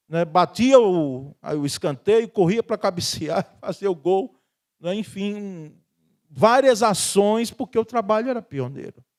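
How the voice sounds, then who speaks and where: A Brazilian pastor delivers a conversational sermon in a church, his voice sitting notably high for a man. He leans on friendly tag questions and frequent chuckles to keep the congregation with him. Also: darkish tone. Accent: Brazilian Portuguese.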